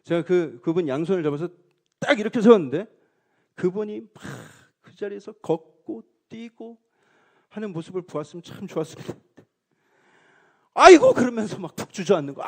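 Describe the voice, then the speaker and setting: A middle-aged male pastor preaching a sermon, telling a story with lively acted-out prayers and cries. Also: fairly high pitch. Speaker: senior pastor.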